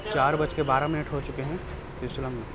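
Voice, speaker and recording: A man's voice: flat delivery, fast talker. A man vlogging casually from the open door of a moving local train at night, chatting and thinking aloud as he tries out station names. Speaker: travel vlogger. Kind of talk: casual on-the-spot travel commentary. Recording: loud train rumble over the voice.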